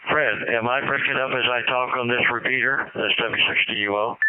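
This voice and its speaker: A man's voice: medium pitch, fairly even intonation, brisk, smooth. A man chatting on a ham radio net, heard over a two-way radio. He reads out call signs and checks how his signal is coming through. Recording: tinny narrow radio channel.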